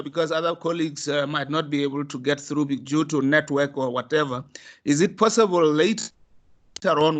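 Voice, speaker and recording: Hesitant man, participant on a video call, slightly high voice. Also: a bit bright. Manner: hesitant, many fillers. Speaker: webinar participant. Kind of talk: asking a question on a call.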